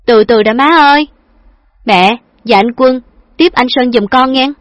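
A woman voicing a lively, affectionate young woman who is playful and teasing, with a chirpy, coaxing manner. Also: on the high side, measured pace, no echo, voice pushed up, lightly acted. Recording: dull lo-fi dry recording.

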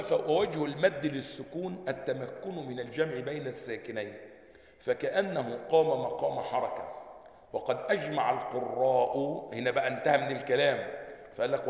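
A man's voice: fairly high pitch, fairly bright tone. A man with an Egyptian accent, a sheikh teaching a lesson on a book. He reads a passage aloud, explains it, and keeps asking his listeners questions before answering them himself. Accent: Egyptian Arabic. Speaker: sheikh teaching Quran sciences. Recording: echoey hall with long reverb.

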